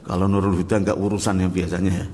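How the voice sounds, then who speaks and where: A man's voice: low voice, little pitch movement, quick pace, darkish tone, slight background noise. A man preaching a sermon to a congregation in a conversational way, putting questions to his listeners and acting out tearful prayers. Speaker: Islamic preacher. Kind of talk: mosque sermon. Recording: long hall reverb.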